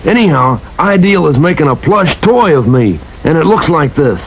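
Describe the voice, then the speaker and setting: An actor voicing a gruff, chatty puppet dog in an old TV toy commercial. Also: male voice, a little high, big pitch swings, normal speed. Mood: folksy. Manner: gruff folksy drawl. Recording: noisy old TV audio.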